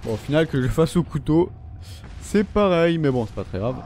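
A man's voice: a little high, big pitch swings, normal speed, darkish tone, soft background music. A young man giving let's play commentary, swearing and taunting the enemies as he plays. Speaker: gaming video host. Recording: faint game gunfire underneath.

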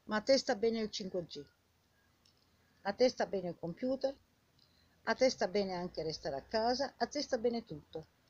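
An older woman with a husky old woman's voice delivers an indignant, scolding monologue straight at the listener, full of rhetorical questions and repeated phrases. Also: mid-range voice, animated, unhurried, pauses often, no room sound. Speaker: vlogger. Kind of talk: impassioned informal monologue addressed to the viewer. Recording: dull lo-fi sound.

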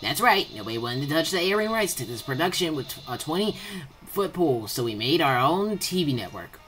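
A woman giving excitable gameplay commentary, blurting out reactions and reading game dialogue aloud. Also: low voice, normal speed, soft background music. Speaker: gamer recording gameplay.

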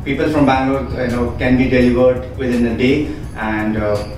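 A man in his thirties talks through fitness equipment as a trainer, calmly explaining each item. His voice bounces around a small, very echoey room. He stands away from the camera mic, so he sounds distant. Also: mid-range voice, normal speed, faint music behind. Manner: explanatory, repeats "we do have". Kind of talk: equipment walkthrough. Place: small room in a home gym.

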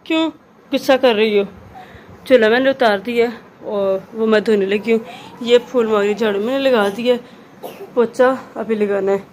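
Soft-spoken woman. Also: fairly even intonation, moderate pace, slight background noise. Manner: soft, low-key running commentary on chores. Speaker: mother vlogging housework. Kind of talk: casual home vlog narration. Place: home indoors.

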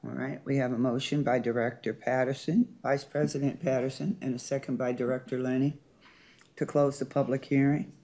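A man acting as board president chairs a formal procedural meeting, reading agenda items and calling motions and votes. His mid-range voice is level and mellow, and he speaks briskly.

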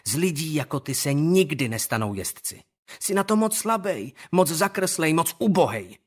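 A man's voice: on the high side, very animated, breathy edge, pitched above the performer's own voice. A man voicing a mocking, bullying teenage boy in an audiobook, taunting and sneering.

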